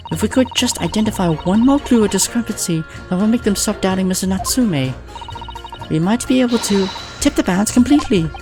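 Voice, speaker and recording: A man voicing a gentle, polite and earnest young female legal assistant in a video game. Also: high-pitched, pitched above the performer's own voice.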